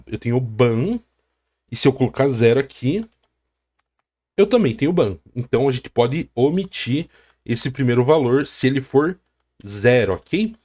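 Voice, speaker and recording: A man's voice: medium pitch, darkish tone. A man with a Brazilian Portuguese accent teaching a coding lesson, explaining step by step and often checking in with the listener. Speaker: programming teacher. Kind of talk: screen-recorded coding lesson.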